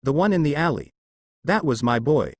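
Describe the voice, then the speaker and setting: A man's voice: fairly high pitch, expressive, normal speed, no echo. Azazel, a taunting demon, read by a man. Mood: gloating. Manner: taunting, mocking. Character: gloating, menacing male demon.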